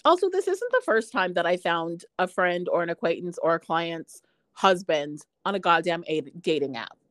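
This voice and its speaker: A young woman on a podcast whose pitch swings widely as she acts out little scenes with dry humor. Her voice sits mid-range and sounds dry and close-miked. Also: expressive, normal speed, a bit bright, no room sound. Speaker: podcast co-host. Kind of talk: casual podcast chat.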